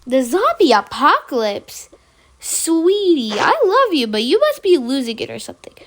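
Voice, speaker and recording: A woman's voice: high voice, wildly swooping pitch, moderate pace. A young woman voicing a caring, worried mother who talks to her child over a walkie-talkie in a toy role-play. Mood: alarmed. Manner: fussing, affectionate.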